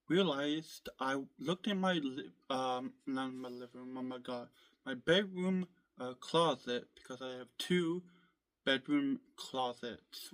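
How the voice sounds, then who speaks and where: Male vlogger, hoarse from a cold, slow and meandering delivery, frequent fillers. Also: mid-range voice, fairly bright tone. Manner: rambling, full of fillers and restarts. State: hoarse from illness, clearing throat. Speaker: vlogger showing his collection. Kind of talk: casual rambling vlog. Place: at home.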